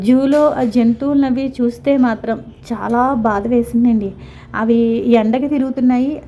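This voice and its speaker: A middle-aged woman talks through a casual vlog in a fairly high, mellow voice, pausing and restarting often as she goes. Her tone is sympathetic and drawn out. Faint outdoor ambience sits behind her, as at an open-air park. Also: dull audio, a little hiss or hum. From India. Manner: sympathetic, rambling, drawn-out talk with many restarts. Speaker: vlogger.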